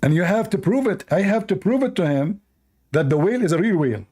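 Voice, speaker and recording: Male debate host, scornful and combative, non-native English, higher-pitched with a soft, dark tone. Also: expressive, fast, breathy edge. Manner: mocking, combative, laughs at opponents. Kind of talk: live debate commentary.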